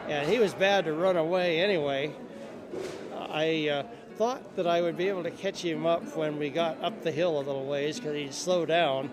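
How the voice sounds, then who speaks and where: A man telling an unscripted personal anecdote about his life with horses in a plain-spoken, measured way. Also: on the high side, steady tone, music in the background, rough recording.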